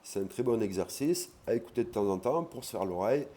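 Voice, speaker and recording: A man teaching an online language lesson, explaining patiently and repeating key words slowly. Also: fairly low pitch, lively intonation, warm tone.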